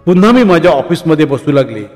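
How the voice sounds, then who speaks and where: Brief: male storyteller, measured and emotional reading, slightly high voice, long reverb, soft music bed. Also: sing-song. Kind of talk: reading a short story aloud.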